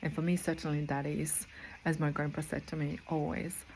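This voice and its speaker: Her deep, slightly mellow voice holds a level tone at a moderate pace. She is a Croatian spiritual coach and medical intuitive in her forties who, in a Croatian accent, earnestly motivates listeners and repeats phrases to stress them, with noticeable background noise behind her.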